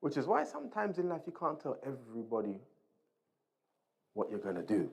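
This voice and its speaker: A man's medium-pitched, creaky, slightly mellow voice swings widely in pitch and moves fairly quickly. He's a religious teacher reading and explaining a book in an informal Islamic lesson. His conversational, point-by-point explanation repeats key phrases and uses short tag questions to check in.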